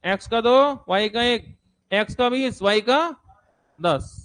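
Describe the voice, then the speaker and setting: A man with a high voice teaches a maths lesson to a class in front of him. He repeats each number and step aloud and keeps checking that the students are following. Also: slow pace, a bit bright.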